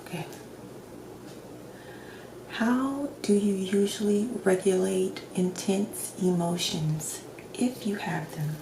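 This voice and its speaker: In a soft-spoken ASMR roleplay, a woman plays a calm doctor giving a personality assessment. At a medium pitch, she asks questions gently in a hushed, near-whispered voice with long pauses. The recording has a roomy echo and clear background noise.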